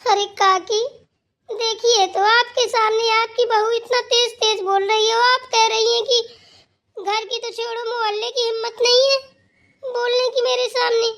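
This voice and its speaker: A woman's voice: very high voice, little pitch movement, unhurried, a bit bright, full character voice. A woman voicing a meddlesome, gossiping neighbor auntie in a cartoon who protests her innocence. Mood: wheedling. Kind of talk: cartoon voice acting.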